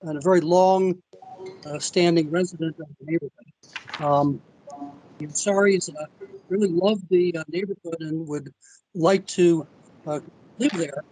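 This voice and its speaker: A man presenting as an architect to a zoning board over a remote call connection that breaks up, speaking haltingly with many fillers. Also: a little high, steady tone, a little mellow, slight background noise, low-quality recording. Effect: remote call audio, breaking up.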